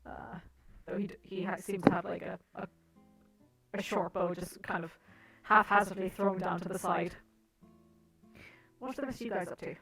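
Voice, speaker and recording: A woman narrating as game master of a tabletop role-playing game, chatty and quick to laugh. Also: lowish voice, steady tone, gravelly, a bit bright, recorded from a distance, faint music behind, low-quality recording.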